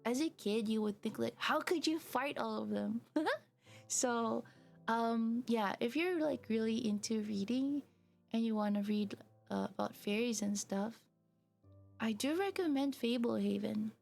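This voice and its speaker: A woman streamer chats her way through a story game, with frequent fillers and little giggles. Her voice is slow and gravelly. Soft music plays faintly behind her. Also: fairly high pitch. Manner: chatty, giggly, lots of "like" and "um". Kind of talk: reading a story game aloud while chatting.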